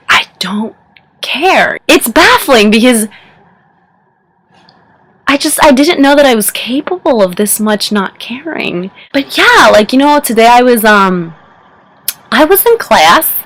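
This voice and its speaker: A young woman vents to camera from her bedroom in a casual, rambling rant. She swears freely and trails off into fillers, her voice a touch higher than most. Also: big pitch swings, slow pace, long pauses, a bit bright, no echo, low-quality recording. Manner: exasperated, profane, rambling with fillers. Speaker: vlogger.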